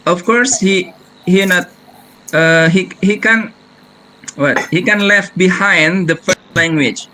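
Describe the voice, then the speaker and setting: Halting man, bright voice. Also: sits high, rough recording. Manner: halting, many restarts and fillers. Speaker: presenter in a class discussion. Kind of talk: hesitant classroom answer.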